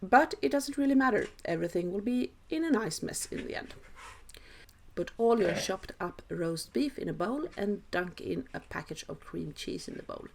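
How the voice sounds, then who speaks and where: A woman's voice: mid-range voice, vocal fry, slight background noise. A woman with a Swedish accent giving a casual cooking tutorial voice-over with dry, self-deprecating humour. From Sweden. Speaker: home cook, host.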